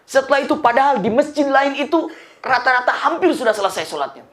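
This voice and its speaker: A man preaching to a congregation, turning a story into a lively performance. He acts out the scenes himself, breaking into sudden loud bursts and laughing along the way. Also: extremely high pitch, fast talker. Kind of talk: storytelling sermon.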